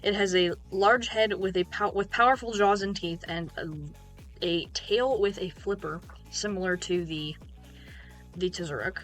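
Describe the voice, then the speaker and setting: A woman's voice: mid-range voice, unhurried, a bit bright. A young woman hosting a video, reading from an article in a casual way, with ums and restarts. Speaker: YouTube host. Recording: faint background music.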